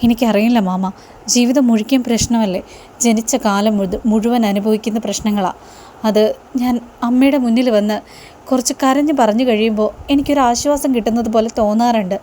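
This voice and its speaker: A woman's voice: fairly high pitch, fairly even intonation, brisk, dark tone, a little hiss or hum, close to an everyday voice. A woman reading the lines of a tearful, pleading young wife in a plain retelling voice. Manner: earnest, plain retelling of her words.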